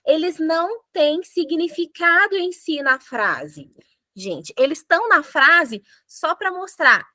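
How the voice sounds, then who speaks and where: A woman with a Brazilian Portuguese accent teaching an English grammar lesson, explaining in a playful, animated way with jokes. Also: high voice, no room sound, clean studio sound.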